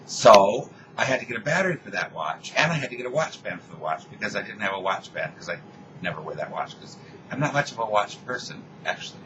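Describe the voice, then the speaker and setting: Low-voiced older man telling a rambling story. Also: fast talker, dull audio, background noise. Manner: rambling, animated, acts out quotes. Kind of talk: casual storytelling chat.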